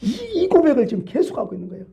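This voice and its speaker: Male pastor, sermon delivery, warm mellow tone, emphatic with sudden hushed lines. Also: extremely high pitch, wildly swooping pitch, rapid-fire, vocal fry. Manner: emphatic preaching with rhetorical questions, swinging from loud to hushed. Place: church.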